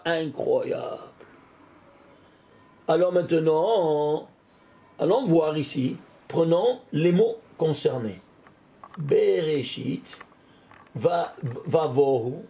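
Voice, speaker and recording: A man, a rabbi, giving an animated Torah lesson, often exclaiming and putting questions straight to the listener. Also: fairly high pitch, creaky. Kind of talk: lively spoken Torah lesson.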